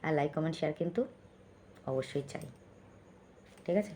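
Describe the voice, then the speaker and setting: A woman vlogger speaking softly right up close to her phone late at night at home, chatting with viewers and reading out their comments. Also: deep voice, steady tone, a little fast, a little hiss or hum. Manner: chatty, keeps checking in with listeners. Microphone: phone held close.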